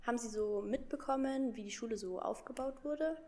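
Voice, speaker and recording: A woman's voice: a little high, brisk, mellow. A young woman conducting an informal school interview, asking questions hesitantly with many fillers.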